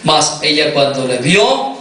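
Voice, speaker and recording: Male pastor, measured sermon delivery, bright tone, quizzes the congregation, distant echoey hall recording. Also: on the high side, very animated. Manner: questions the congregation, repeats "me entiendes".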